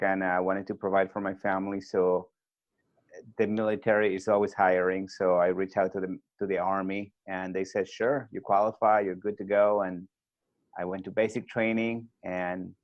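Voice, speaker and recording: A man's voice: deep voice, fairly even intonation, normal speed, dry recording, dull audio. A friendly, talkative man in his forties with a Peruvian Spanish accent, a guest telling his story in an interview. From Peru. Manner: friendly and talkative, many fillers. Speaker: guest, army veteran.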